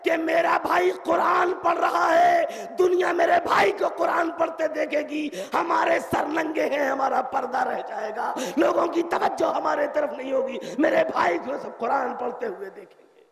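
A man's voice: very high-pitched, expressive, creaky, crowd noise, pitched above the performer's own voice, exaggerated voice. A man voicing a grieving captive noblewoman who cries out her pleas in anguish. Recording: echoey hall, long reverb.

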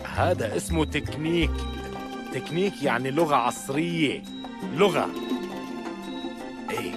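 A man's voice: fairly high pitch, measured pace, over loud music, close to an everyday voice. An actor playing a nervous, earnest man with a Levantine accent who talks a friend round. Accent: Levantine Arabic. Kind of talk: dubbed drama dialogue.

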